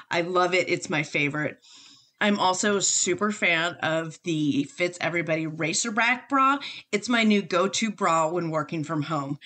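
A woman's voice: fairly low pitch, fairly bright tone. Enthusiastic woman reading a podcast ad. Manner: enthusiastic, confiding. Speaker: podcast co-host. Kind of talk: read podcast ad.

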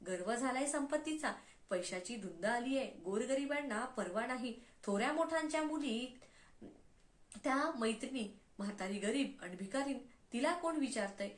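An indignant old beggar woman from a devotional storybook, scolding slowly and bitterly, as a woman narrator puts her on. Her voice sits fairly high and rings in an echoey room. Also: lively intonation, natural voice. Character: angry old beggar woman, goddess in disguise.

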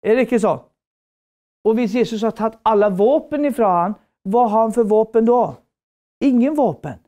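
A woman's voice: a little high, lively intonation, mellow. A woman giving a preaching lecture at a Bible school, fervent and emphatic, with repeated phrases and rhetorical questions.

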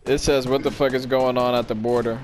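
Loud laughing gamer guy trash-talking. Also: mid-range voice, little pitch movement, brisk, slight background noise. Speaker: gamer streaming with friends. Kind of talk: casual gaming chat.

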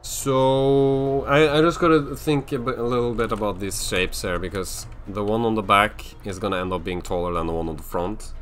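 Low-voiced Norwegian man rambling on stream. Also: fairly even intonation, moderate pace, few pauses, fairly bright tone. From Norway. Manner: rambling, thinking aloud with many fillers and restarts. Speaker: YouTuber streaming a building game. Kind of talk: casual live-stream chat while building.

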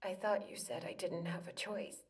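A woman's voice: fairly low pitch, steady tone, moderate pace, recorded from a distance, natural voice. An actress playing a distressed, desperate woman in a video game drama, emotional and pleading. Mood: despairing.

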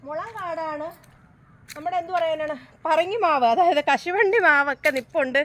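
A woman's voice: very high voice, moderate pace, fairly bright tone. A woman with a southern Kerala Malayalam accent giving chatty, casual travel vlog commentary, repeating phrases and checking in with viewers with tag questions. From Kerala, India. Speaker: travel vlogger. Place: outdoors, walking through a village and rocky hill. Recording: outdoor recording with background noise.

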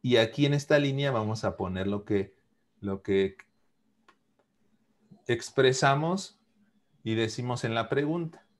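Man, English teacher, online class, video call, slow deliberate delivery, mid-range voice. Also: medium pitch. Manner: slow, patient, repeats and spells out phrases.

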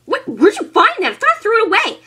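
A woman playing a sassy mother who scolds loudly, pitched well above her usual voice. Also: huge pitch swings, quick pace, noisy background, full character voice. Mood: scolding. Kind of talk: comedy web-series acting.

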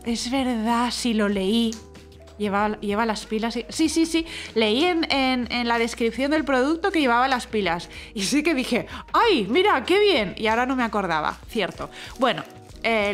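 A woman's voice: a little high, normal speed, soft background music. A young woman with a Spain Spanish accent, vlogging casually to her viewers, chatty and exclamatory as she thinks aloud during chores. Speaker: home decor vlogger. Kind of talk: casual vlog chat to viewers.

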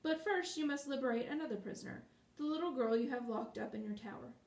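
A woman doing a gentle, commanding girl queen. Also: high voice, quick pace. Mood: calm. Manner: quiet, sweet and firm. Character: gentle girlish fairy queen, calm and commanding. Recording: roomy and distant.

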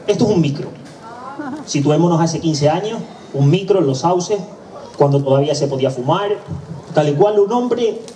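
A man's voice: high voice, mellow, echoey room, recorded from a distance, slight background noise. A man with a Canarian accent from La Palma, telling a live comic monologue in a chatty way, with many asides. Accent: Canarian Spanish. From La Palma, Canary Islands. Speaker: presenter and stand-up comedian. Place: live stage event.

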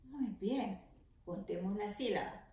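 A woman teacher leading an early reading lesson for young children, slowly sounding out letters and syllables. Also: medium pitch, mellow. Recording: echoey room.

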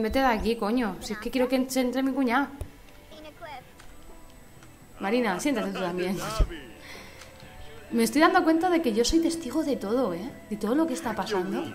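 A woman with an accent from Spain chatters through a let's play in a fairly high voice, swearing freely and slipping into goofy little songs. The game's music plays clearly behind her the whole time. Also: moderate pace. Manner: excitable, swearing, breaks into silly singing. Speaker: gaming host. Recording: game music playing behind the voice. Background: game music.

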